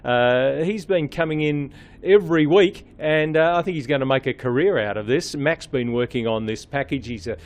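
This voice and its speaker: Aussie guy hosting race updates, easygoing, lots of uhs, mid-pitched. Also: normal speed. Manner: relaxed, many filler "uh"s. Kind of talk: presenting a news update.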